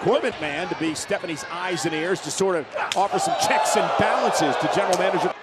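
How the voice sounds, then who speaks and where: A man giving dramatic, excitable live play-by-play as a wrestling commentator. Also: high voice, brisk, very noisy.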